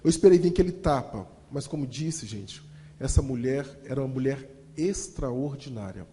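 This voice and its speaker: A Brazilian man with a Brazilian Portuguese accent telling his life story as a motivational speaker, lively and addressing the audience directly. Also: mid-range voice, moderate pace. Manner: lively, acts out voices, addresses audience as "gente". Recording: long hall reverb.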